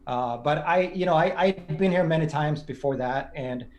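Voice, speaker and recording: A man's voice: a little high, moderate pace, a little mellow, a little hiss or hum. A man in his forties from Sweden, a podcast guest talking casually and thoughtfully, with many restarts and fillers. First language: Swedish. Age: 40s. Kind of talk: casual conversation.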